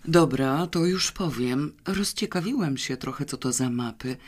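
A man's voice: medium pitch, unhurried, lightly acted. A reader voicing a nervous, rambling country man who confesses in a folksy way. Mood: confessing. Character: nervous male small-time poacher confessing.

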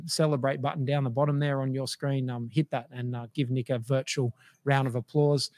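Aussie guy hosting a livestream, flat delivery, lots of ums, voice getting worn, dry close sound. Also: medium pitch, fairly quick, no echo. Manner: rambling, with many fillers and restarts. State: losing his voice. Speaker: livestream host. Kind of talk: casual business livestream talk.

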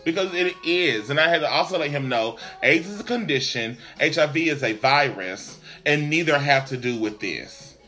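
A man hosting a casual talk show, speaking in an animated, sassy, emphatic way with plenty of swearing. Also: fairly high pitch, normal speed, few pauses, faint music behind. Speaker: podcast host. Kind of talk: casual, profane banter and commentary.

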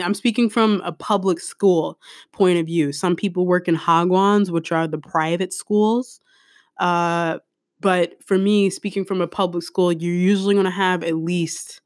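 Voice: mid-range voice, no room sound. Chatty teacher telling a dry, close story. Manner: animated, chatty, quotes herself in class. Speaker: podcast host and public school English teacher in Korea. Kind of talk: casual storytelling podcast. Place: room with a window open.

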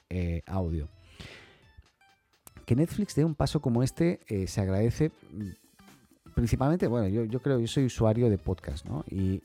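Low, dark-voiced male host, chatty tech news, faint music underneath. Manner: chatty, many fillers and restarts. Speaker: podcast host. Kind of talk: casual tech news commentary.

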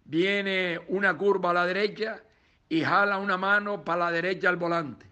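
A man with a high, bright voice tells a joke like folk storytelling. He acts out the characters' lines along the way. His telling is lively and relaxed. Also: moderate pace, lo-fi sound. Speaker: joke teller. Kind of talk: storytelling jokes.

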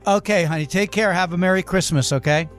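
A man's voice: high voice, a little fast, fairly bright tone, soft background music. A man hosting a radio show, chatting casually as he wraps up an interview.

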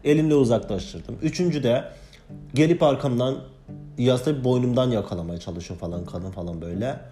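A man's voice: medium pitch, brisk, faint music behind. A man telling a story about his work as floor staff at a bar, speaking casually and growing agitated and indignant as he recounts it. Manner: agitated, indignant retelling with quoted shouts.

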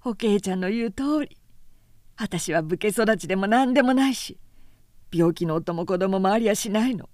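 A woman reading the part of a restless older sister with a hoarse, urgent voice. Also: mid-range voice, animated, normal speed, a little mellow, dry recording, clean studio sound, natural voice. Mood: confessing.

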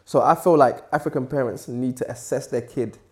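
A man's voice: medium pitch, brisk, darkish tone. A young man with a London accent chatting casually and animatedly in laddish street slang. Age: young adult. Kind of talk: casual chat.

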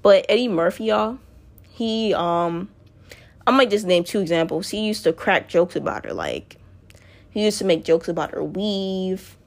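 This woman speaks at a medium pitch, animated yet a little slow, with a creaky quality. She addresses her listeners in a casual, meandering monologue, frequently fixing her words mid-sentence and calling out to them.

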